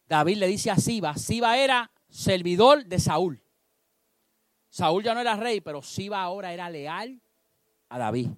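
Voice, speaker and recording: A man preaching a sermon, telling a story with animated delivery and acting out the characters. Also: high-pitched, dry recording, clean studio sound.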